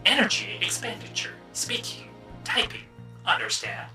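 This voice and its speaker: A stiff, robotic male witness speaks in a flat robot voice, as a player puts it on for a fan dub of a game. The words come slow and clipped, each one in an even monotone, with a very bright, sharp edge to the tone. It rings in a roomy space, caught from a mic set well away. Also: medium pitch, distant mic, faint music behind, pitched above the performer's own voice, exaggerated voice. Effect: robot voice, flat mechanical delivery.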